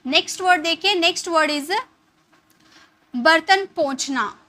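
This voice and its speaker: A woman's voice: very high-pitched, a little slow, bright, forceful tone. A woman teaching English vocabulary in a patient lesson, repeating points and asking rhetorical questions. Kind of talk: explanatory lesson.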